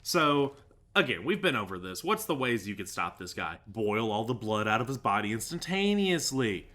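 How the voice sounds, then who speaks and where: A man's voice: lowish voice, big pitch swings, normal speed, a bit bright. A man giving casual, joking commentary over a sandbox game, talking sarcastically with lots of fillers. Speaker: gaming YouTuber.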